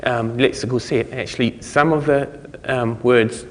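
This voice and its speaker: A man's voice: medium pitch, steady tone, a little slow, big-room sound, slight background noise. A man giving a conversational conference talk, explaining things step by step. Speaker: conference speaker.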